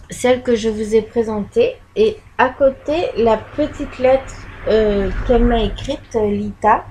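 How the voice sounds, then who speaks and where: A woman's voice: fairly high pitch, a little mellow, slight background noise, low-quality recording. A woman presenting her postcard collection in a casual video, talking hesitantly with many fillers, recorded on a laptop microphone at home. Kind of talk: casual show-and-tell. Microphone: laptop built-in microphone.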